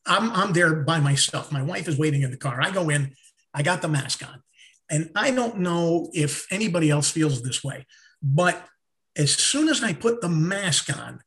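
Animated storytelling man co-hosting a podcast. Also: fairly high pitch. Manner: animated storyteller, acts out his own confusion. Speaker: podcast co-host. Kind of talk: casual chat.

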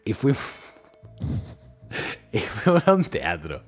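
A man's voice: lowish voice, slow pace, faint music behind. A man, co-hosting a casual chat podcast and telling a dream story, acting out the crowd's voices. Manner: animated storyteller, acts out crowds. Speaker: podcast co-host.

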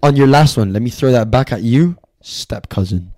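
A man's voice: mid-range voice, animated, normal speed, warm tone, no echo. Male podcast co-host for loose, argumentative banter. Mid-range voice, slang and swearing, close dry recording. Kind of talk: casual banter, reacting to confessions.

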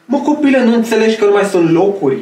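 A man voicing a gruff older woman who works as a school cleaner, scolding and dismissive. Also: high voice, lively intonation, warm tone, voice pushed up. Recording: roomy echo, distant mic, faint music.

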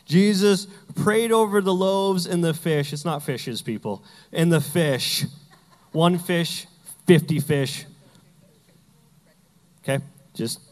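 A man's voice: fairly high pitch, slow, long pauses, darkish tone, big-room sound. A man preaching a sermon as pastor, telling Bible stories with humor and acting out the characters.

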